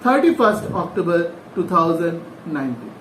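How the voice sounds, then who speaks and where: A man's voice: fairly high pitch, very animated, fast, a bit bright. A male teacher giving a class lesson, who repeats each name, spells it out letter by letter and asks the class questions. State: sweating. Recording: echoey room, faint noise.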